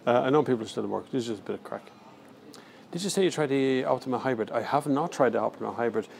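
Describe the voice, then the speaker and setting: A man's voice: mid-range voice, fast talker, vocal fry, darkish tone. An Irish man chatting casually and jokily on a live stream from his phone, rambling as he answers viewers. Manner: rambling, jokey, slangy. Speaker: car reviewer livestreaming. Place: large indoor airport terminal. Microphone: handheld phone. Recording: faint airport terminal noise.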